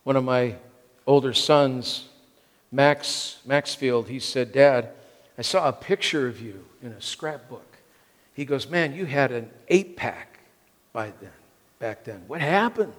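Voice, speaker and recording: Taking his time, a mid-range-voiced American man in his sixties preaches to a congregation. He speaks in emphatic short phrases, often repeated for weight, and the recording has a large hall's long reverb.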